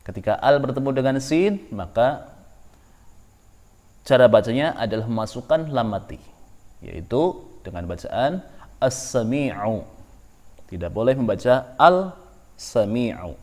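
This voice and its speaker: A man gives a slow, careful lesson at an unhurried pace. He works through each rule with patience, repeating the examples for his students. His pitch sits in the middle range. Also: expressive, darkish tone. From Indonesia. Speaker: Quran recitation teacher. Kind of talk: tajwid lesson.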